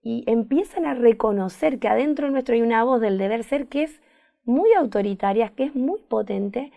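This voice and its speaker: Speaking at a normal pace, this woman's voice sits on the high side and is expressive and mellow, with some vocal fry. As a therapist guest with a Rioplatense Spanish accent, she reflects thoughtfully in a conversational interview, frequently pausing to find words and repeating phrases.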